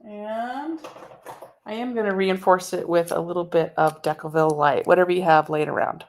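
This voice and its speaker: In a home sewing room, a woman with a fairly low voice teaches a live sewing tutorial at normal speed. She chats easily and answers comments from viewers while working, captured through a laptop mic.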